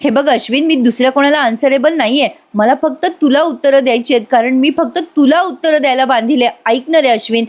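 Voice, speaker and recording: Give me a woman playing a scheming young wife, pleading and high-pitched. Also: fairly quick, few pauses, lightly acted.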